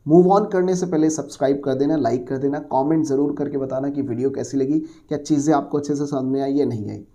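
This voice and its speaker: A man's voice: medium pitch, fairly even intonation, fairly quick, warm tone. A man teaching an exam-prep English grammar lesson. He explains patiently, asks the class questions and answers them himself, and mixes in English words and phrases.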